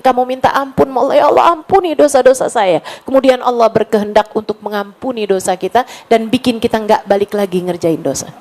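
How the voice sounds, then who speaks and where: A woman's voice: mid-range voice, a little mellow, poor audio. A woman preaching a sermon to a women's gathering, talking casually and then turning fervent, slipping into prayer and quoting Arabic. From Indonesia.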